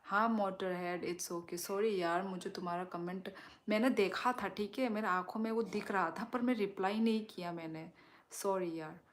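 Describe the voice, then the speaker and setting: A woman's voice: medium pitch, steady tone, normal speed. A woman on a live stream, talking casually in a chatty way with many filler words and reading out viewer comments to answer them.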